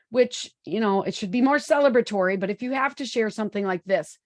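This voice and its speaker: A woman in her forties presents a live webinar into a computer microphone, upbeat and chatty, with plenty of ums and other fillers. Her voice is fairly high and a bit bright, recorded with clean studio sound and no room echo.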